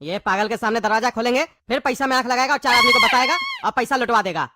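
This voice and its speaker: A woman's voice: fairly high pitch, fast, heavy background noise, natural voice. A woman playing a suspicious, miserly father in a comedy skit, with an irritable, grumbling manner. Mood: irritated. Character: secretive miserly father hiding cash.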